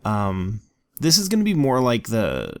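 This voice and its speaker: A man's voice: mid-range voice, wildly swooping pitch, unhurried, darkish tone, clear, resonant tone, no echo. A man casually narrating a tour of a game world, rambling with lots of ums and likes. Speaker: let's play co-host. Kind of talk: casual gameplay commentary.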